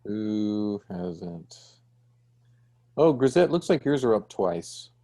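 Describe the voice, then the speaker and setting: A man leads a design class over a video call. His voice sits somewhat low and has a mellow, warm tone. He talks conversationally and keeps checking in with the students. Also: big pitch swings, takes it slowly. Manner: conversational, often checks with "right?". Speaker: design teacher. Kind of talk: online class teaching.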